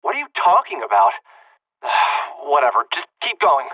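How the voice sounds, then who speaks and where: Brusque guide on a tinny comm link. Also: male voice, a little high, wildly swooping pitch, breathy edge, no echo, exaggerated voice. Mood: instructing. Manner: brisk, commanding, impatient. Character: brusque young man guiding over a comm link. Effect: radio comm filter. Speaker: video game character. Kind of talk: game voice acting.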